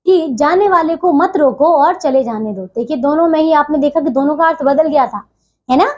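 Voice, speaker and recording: A woman's voice: sits high, normal speed, a little mellow, muffled recording. A young woman teaching a grammar lesson to schoolchildren, patient and repetitive, often checking that the children follow. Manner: patient, repeats "theek hai bachchon" constantly.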